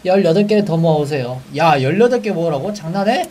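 A young man commentating a horror game for viewers, chatty and excitable, yelping and shouting when the game spooks him. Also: fairly high pitch, brisk, distant mic. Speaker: game streamer.

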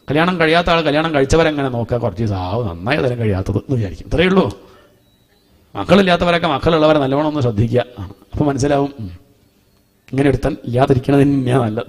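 A middle-aged man teaches a devotional scripture lesson, chanting verses slowly and explaining them in a homely, conversational way. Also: mid-range voice, animated. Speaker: Bhagavatam teacher.

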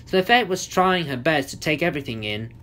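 A man's voice: a little high, brisk. A man reading a children's storybook aloud with occasional slips and restarts. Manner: lively, with small slips and restarts. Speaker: audiobook reader. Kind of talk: storybook narration.

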